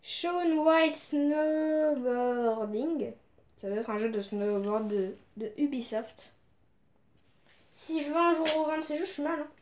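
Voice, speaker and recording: A woman's voice: on the high side, fairly even intonation, normal speed. A young woman chatting casually as she shows her video game collection, hesitant, with many fillers and restarts. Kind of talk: casual unboxing chat.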